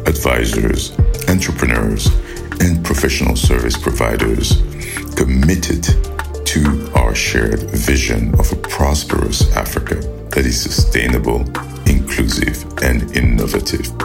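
A man reads a scripted sponsor message in an extremely deep voice. His tone is heavily gravelly, and clear music plays underneath. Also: measured pace. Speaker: sponsor announcer.

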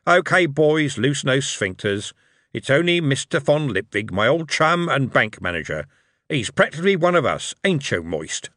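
A man voices a jovial, shrewd older male tycoon who talks in coarse, chummy street slang, pitching the character above his own voice. The delivery has a medium pitch with big swings, a moderate pace, and a fairly bright tone. The recording is dry with clean studio sound.

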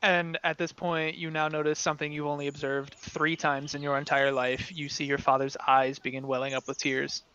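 A man narrating a tabletop game as game master, describing scenes in a relaxed way full of fillers, on a slightly dull lo-fi recording. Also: on the high side, normal speed, hardly any pauses, smooth.

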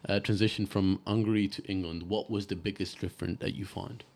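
Male podcast co-host, very low voice, eager interviewer. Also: steady tone, fairly quick, vocal fry, a little mellow.

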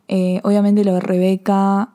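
A woman with an Argentine accent casually reviewing a TV episode, rambling and excitable, full of fillers and restarts. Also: medium pitch, unhurried. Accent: Argentine Spanish. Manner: excitable, emotional. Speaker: TV series reviewer.

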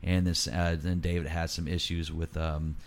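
A man chatting casually and reflectively, with hesitant, halting phrasing. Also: low voice, level tone, creaky.

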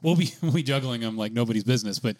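A man's voice: mid-range voice, very fast, a little mellow, no echo. A man co-hosting a casual gaming podcast, chatty and laughing often as he reads rules aloud. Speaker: podcast co-host.

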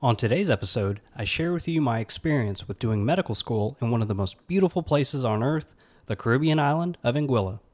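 Animated and a little fast, this man speaks in a medium-pitched, slightly mellow voice with a touch of hiss or hum in the background. He's a pathology resident with an Alabama Southern accent, rambling earnestly through his solo podcast with many fillers and restarts.

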